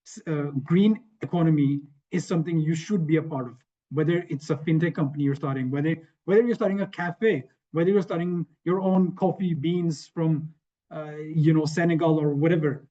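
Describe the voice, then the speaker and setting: A man's voice: on the high side, normal speed, mellow. A man from Sweden speaking on an online webinar panel, talking conversationally with slides, often repeating phrases and checking in with "right?". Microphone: video call. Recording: dull lo-fi online call audio.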